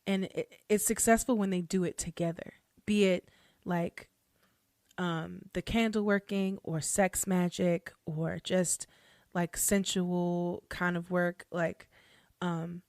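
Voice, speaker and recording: A woman's voice: fairly low pitch, fairly even intonation, slow pace, darkish tone, no echo, studio quality. A woman hosting a casual solo podcast, talking loosely with plenty of fillers, restarts and frequent laughter. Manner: chatty, laughs often, many fillers and restarts. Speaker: podcast host and hoodoo practitioner.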